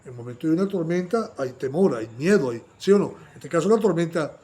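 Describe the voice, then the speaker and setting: Preaching at a Bible study, this man speaks quickly with a pitch on the high side. His delivery is lively, full of appeals for agreement, and he performs quotations in a louder voice.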